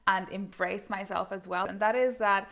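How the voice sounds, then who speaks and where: Woman, 30, vlogger; earnest, thoughtful monologue to camera, mid-pitched, lots of hedging fillers. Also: steady tone, moderate pace, vocal fry, bright, forceful tone. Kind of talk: reflective casual monologue to camera.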